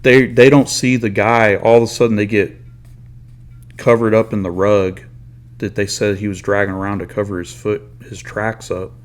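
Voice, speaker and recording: A man's voice: fairly low pitch, flat delivery, moderate pace. A man hosting a casual comic book talk, rambling through a story retelling with lots of "like" and some swearing. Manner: rambling retelling full of "like" and paraphrased lines; swearing, laid-back slang. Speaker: comic book reviewer host. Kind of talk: casual chat.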